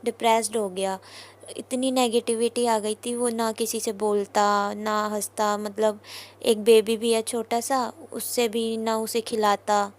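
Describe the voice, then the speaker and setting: A woman's voice: on the high side, little pitch movement, measured pace. A young woman earnestly recounting a personal testimony to a congregation, often turning to address her listeners directly. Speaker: devotee sharing a testimony.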